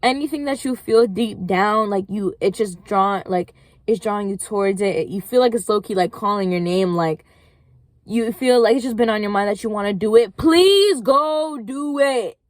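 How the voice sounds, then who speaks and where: This vlog features a young woman whose mid-range voice comes through with no room sound. She rambles in a relaxed, motivational way, cheering viewers on and leaning heavily on "like."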